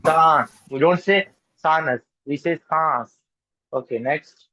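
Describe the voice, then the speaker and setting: A man's voice: fairly high pitch, unhurried, sharp tone, dry recording. A man teaching a children's language lesson, patiently repeating words and correcting pronunciation. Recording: dull lo-fi dry recording.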